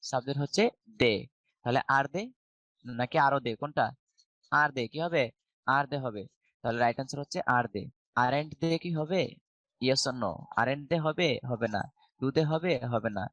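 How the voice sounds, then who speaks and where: A middle-aged Bangladeshi man teaches an online English class at a medium pitch. He goes through each step slowly and keeps putting questions to his students before answering them himself. His voice is recorded close and dry, with no room sound. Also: fairly bright tone, no room sound.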